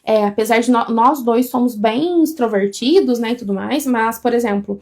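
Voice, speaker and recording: A woman, co-hosting a casual live stream from home, talking loudly and expressively. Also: on the high side. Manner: loud, expressive and fast-flowing.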